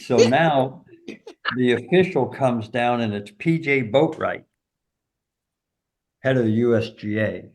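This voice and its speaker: Older man, interview guest, animated storyteller, chuckles, lots of "you know". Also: medium pitch, slow, pauses often, background noise. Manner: animated, laughs through stories, many "you know"s. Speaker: golf teacher and former caddie, guest.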